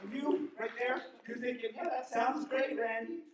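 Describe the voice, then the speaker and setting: A man cutting a theatrical wrestling promo, flamboyant and calling everyone darling, shouting lines out to the crowd. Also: extremely high pitch, normal speed, very noisy. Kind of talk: in-ring wrestling promo on a microphone. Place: indoor wrestling arena. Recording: echoey arena from far off, loud crowd.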